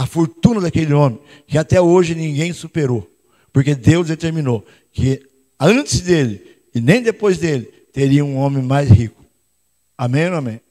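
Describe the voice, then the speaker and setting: A man with a Brazilian accent, a pastor preaching a lively sermon and calling on the congregation to answer, sometimes shouting, sometimes speaking quietly. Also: fairly high pitch. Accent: Brazilian Portuguese. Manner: calls out to the congregation, prompts responses; switches between loud shouts and quiet asides. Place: church hall. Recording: long reverb of a church hall.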